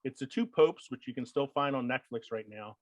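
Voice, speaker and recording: A man's voice: medium pitch, fairly quick, dry recording, rough recording. Guy on a podcast mic, dry close sound, rambly with lots of uhs. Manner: rambling, trails off with fillers. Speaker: podcast co-host. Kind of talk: casual chat.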